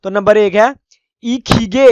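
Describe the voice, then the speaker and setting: A man with a high, smooth voice teaches a language lesson. He sounds out foreign words slowly and repeats them, and he keeps checking in with his listeners. The recording is dry and close. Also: dry recording, dull audio. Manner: frequent checking-in tag phrases. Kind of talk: explaining a lesson.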